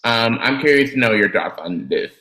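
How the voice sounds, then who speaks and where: A man's voice: medium pitch, expressive, normal speed, pushed and bright, echoey room, low-quality recording. A man co-hosting a podcast, reading a news story aloud with stumbles and corrections. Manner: reads with stumbles and self-corrections. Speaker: podcast co-host presenting topics.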